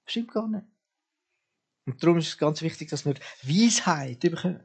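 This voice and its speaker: A man's voice: on the high side, lively intonation, moderate pace, vocal fry, a little mellow, husky. A man preaching a sermon, talking straight to his listeners and firing off repeated questions at them.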